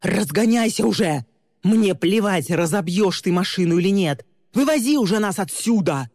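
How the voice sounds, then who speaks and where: A man voicing a hot-tempered, commanding man who barks orders and often shouts. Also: medium pitch, steady tone, moderate pace, no echo, clean studio sound, in a large hall, lightly acted. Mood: yelling. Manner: barking and bossy, shouting often.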